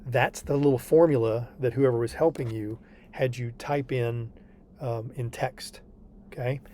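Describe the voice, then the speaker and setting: A man tutors a student over video, patiently and reassuringly explaining the homework and frequently checking in with "okay?". His warm, medium-pitched voice is steady and a little slow, with a slight hiss or hum behind it.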